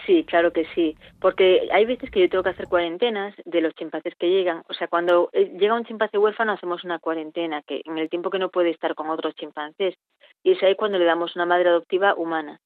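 A woman's voice: lowish voice, fairly even intonation, fast talker, no echo. Woman on a tinny phone line. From Spain. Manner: reflective, searching for words. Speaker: veterinarian at a chimpanzee sanctuary. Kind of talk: interview answers.

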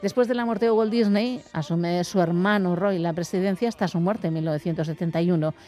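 A woman radio presenter, reading a measured, informative scripted segment. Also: fairly low pitch, mellow. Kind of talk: scripted narration.

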